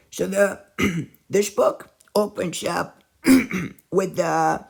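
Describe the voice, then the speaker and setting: Guy doing a laid back book review vlog, high voice that keeps cracking, real gravelly. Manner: repeated throat-clearing.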